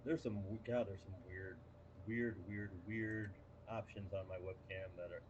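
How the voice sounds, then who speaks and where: A man's voice: on the low side, steady tone, measured pace. A man in his fifties from Wisconsin, co-hosting a casual chat in a laid-back, joking way. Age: 50s. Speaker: podcast co-host. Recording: muffled mic with faint hiss.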